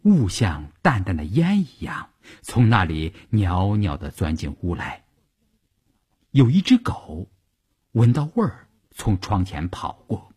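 A man narrating a story for a storytelling broadcast in a slow, expressive way. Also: fairly low pitch, breathy edge.

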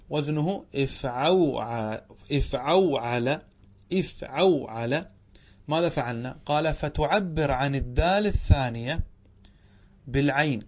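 Slightly high-voiced man teaching a class. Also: a little mellow. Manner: asks the class questions and answers them himself, drawing out words slowly. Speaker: sheikh teaching a classical text. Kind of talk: classroom lecture.

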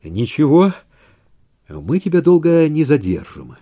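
A man voicing a cold, sinister male stranger who hisses his lines calmly in a story reading. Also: on the high side, unhurried, voice pushed up, full character voice. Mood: menacing. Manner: hissing, menacing, calm.

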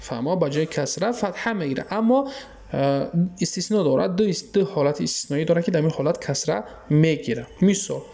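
Mellow-voiced Tajik man teaching grammar. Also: on the high side, gravelly. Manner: keeps checking understanding with quick questions; hesitant, many filler sounds. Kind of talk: classroom lesson explanation.

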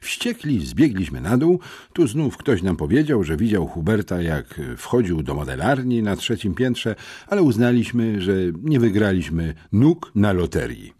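A man narrates an audiobook with a husky, slightly low voice. His pitch swings widely from line to line, giving the story a lively, expressive drive. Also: unhurried. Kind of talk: scripted narration.

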